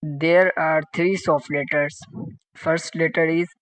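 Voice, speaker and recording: Slow, flat-voiced male Quran teacher. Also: a little high, no echo. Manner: repeats each letter sound several times, louder than his explanations; plain, simple explanations in short phrases. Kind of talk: pronunciation lesson for beginners. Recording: dull lo-fi recording with faint background music.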